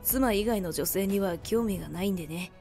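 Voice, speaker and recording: A woman voicing a calm, loyal young husband in a storybook drama, cool and polite. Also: medium pitch, normal speed, soft background music, lightly acted.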